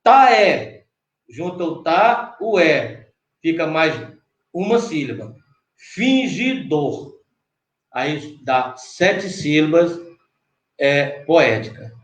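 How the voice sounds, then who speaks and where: Over a video call with roomy echo, a Brazilian cordel poet patiently runs an online workshop one step at a time, frequently checking in with his guest. His voice is on the high side and animated, and his pace is slow.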